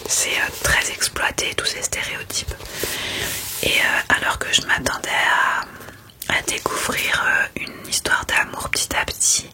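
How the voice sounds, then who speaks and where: A woman speaking in a hushed, unvoiced library whisper, chatting about books in an ASMR style. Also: unhurried. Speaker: ASMR creator reviewing books. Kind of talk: whispered ASMR book chat.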